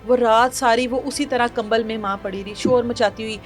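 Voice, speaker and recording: A woman's voice: fairly high pitch, steady tone, faint music behind. Indignant woman retelling a crime story. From Pakistan. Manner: indignant, moralizing, acts out quotes. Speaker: news show presenter.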